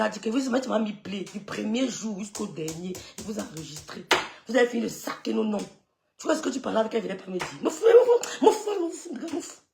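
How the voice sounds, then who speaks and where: Middle-aged woman with a high, gravelly voice, scolding in a live rant. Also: darkish tone. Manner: scolding, scornful, repeats dismissive sucks of the teeth. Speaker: social media gossip streamer. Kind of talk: heated live-stream rant.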